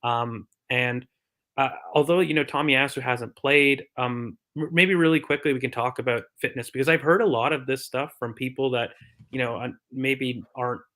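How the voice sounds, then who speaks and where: Man, casual football podcast co-host, mid pitch, hesitant fillers, physio-style explaining. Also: steady tone, moderate pace, sharp tone. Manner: thoughtful, filler-heavy, explains from a physio view.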